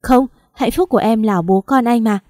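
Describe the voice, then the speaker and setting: A woman's voice: on the high side, normal speed, darkish tone, dry recording, studio quality, lightly acted. A woman reading the lines of a desperate young wife who pleads tearfully for forgiveness in an audio story.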